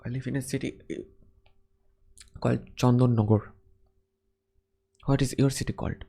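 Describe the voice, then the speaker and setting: An Indian teacher and host, a native Bengali speaker with an Indian English accent, chats casually in English over a call and often restarts his phrases. His medium-pitched voice is creaky, warm and husky, with fairly even intonation at a moderate pace.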